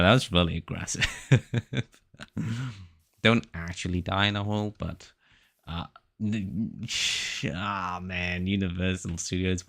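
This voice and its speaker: A man's voice: low-pitched, fairly bright tone. A man in his early twenties chatting casually to his live-stream viewers while playing, rambling and poking fun at himself. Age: about 21. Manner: rambling, self-mocking, joking chatter.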